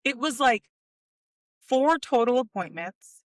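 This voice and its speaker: A young woman podcast co-host, chatting casually and telling a long story in an animated way, with many "like"s. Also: on the high side, takes it slowly, dry recording, studio quality. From United States. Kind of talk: casual chat.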